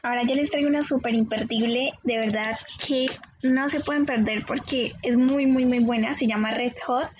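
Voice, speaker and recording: A woman's voice: fairly high pitch, a little hiss or hum. An enthusiastic woman co-hosting a show and recommending films informally. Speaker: co-host of a film show. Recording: dull, lo-fi audio.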